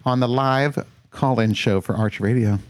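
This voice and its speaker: A man hosting a live call-in show, chatty and quick to laugh. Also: medium pitch, fairly even intonation. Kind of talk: casual call-in chat.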